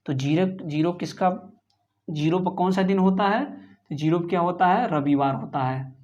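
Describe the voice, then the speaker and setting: A man's voice: high voice, normal speed, a little mellow. A man teaching an exam-prep calendar math lesson. He poses questions to the class, answers them himself, and counts through each step of the working aloud. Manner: repeats his own questions and answers them. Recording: slightly muffled lo-fi sound.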